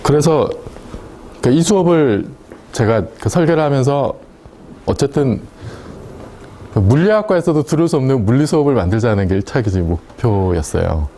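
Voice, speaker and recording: A man's voice: mid-range voice, sing-song, normal speed, long pauses, mellow, slight background noise. Chatty man lecturing a university class. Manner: chatty, asks the class questions and laughs at his own points. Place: lecture room.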